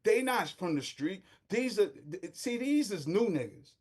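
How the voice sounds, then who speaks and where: High-pitched and husky, with big pitch swings and a slightly slow pace, this middle-aged Brooklyn man guests on a casual podcast. He talks in street slang, impassioned and fervent, pushing toward near-shouting.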